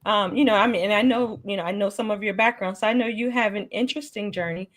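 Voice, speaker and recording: A woman in her forties hosting an interview in a casual way, excitable and quick to repeat herself. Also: mid-range voice. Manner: warm, excitable, repeats words. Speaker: podcast host.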